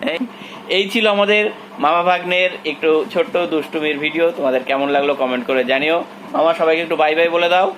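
A woman's voice: deep voice, brisk, a little hiss or hum, poor audio. A woman vlogger making a casual family video and cheerfully coaxing a small child to play along.

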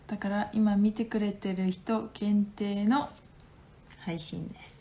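A woman in her twenties with a Hakata accent, chatting casually on a phone livestream at home, playful and quick to laugh. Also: mid-range voice, steady tone, vocal fry, mellow. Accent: Hakata dialect. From Fukuoka, Japan. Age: 20s. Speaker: livestream host. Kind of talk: casual livestream chat reading viewer comments.

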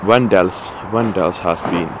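A man with a Finnish accent, speaking English as a second language, exploring an abandoned house and thinking aloud in halting, searching phrases. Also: deep voice. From Finland. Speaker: urban explorer. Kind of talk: casual exploration vlog. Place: abandoned house and garage, indoors. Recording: noisy handheld field recording.

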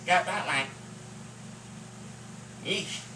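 A man's voice: high voice, very slow, background noise, voice pushed down. A man voicing a brash, teasing sock puppet host in children's puppet show banter, exclamatory and sarcastic.

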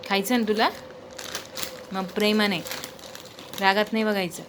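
A woman's voice: mid-range voice, little pitch movement, a little slow, noisy background. A woman chatting casually to her pet dog, coaxing and teasing it with repeated questions. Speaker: pet owner vlogger.

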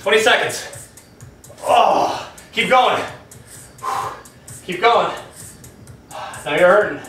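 A man coaching a home kickboxing workout, energetic and encouraging, calling out moves while out of breath. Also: high voice, takes it slowly. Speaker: fitness instructor. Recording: echoey room from far off, music behind.

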